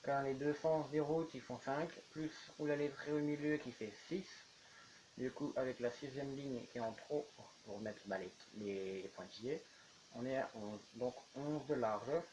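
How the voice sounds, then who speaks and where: A man's voice: mid-range voice, fairly even intonation, normal speed, a little mellow, slight background noise, low-quality recording. A man chatting casually while building in a game, rambling on as he goes. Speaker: YouTuber. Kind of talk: casual gameplay commentary.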